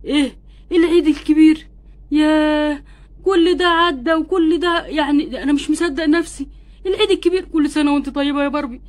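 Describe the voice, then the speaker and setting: A sick, remorseful young husband doll, voiced by a woman who pleads and complains in an Egyptian Arabic accent. The voice sits high and runs quick, a homemade doll-play story with an earnest emotional tone. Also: natural voice. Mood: surprised. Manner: plaintive, pleading, tearful when moved.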